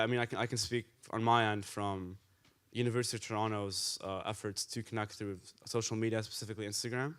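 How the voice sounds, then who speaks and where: A man's voice: on the low side, clear, resonant tone. A young man speaking as a student panelist, upbeat and articulate. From Canada. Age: young adult. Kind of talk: panel discussion.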